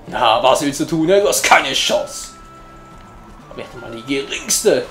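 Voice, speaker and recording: A man's voice: medium pitch, animated, measured pace, a bit bright, echoey room, faint music behind. A man giving casual, jokey gameplay commentary as a let's player, chatting to his viewers.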